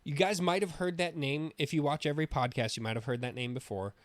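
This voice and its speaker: A gaming podcast co-host talks fast in a slightly high voice, casual and strongly opinionated, swearing now and then. The recording has no echo.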